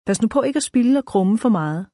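A woman voicing a cheerful, busy mother who talks in a brisk, bustling way. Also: a little high, lively intonation, mellow, dry recording, studio quality.

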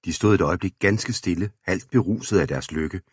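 Male audiobook narrator, steady storytelling, extremely low and husky. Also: dry recording, clean studio sound. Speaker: audiobook reader.

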